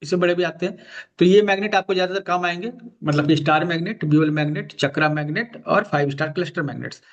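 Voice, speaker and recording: A man's voice: on the high side, quick pace. Patient man teaching over a call. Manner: patient, repeats key terms, directs a student. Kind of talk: online class on magnet therapy. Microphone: video call. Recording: dull lo-fi call audio.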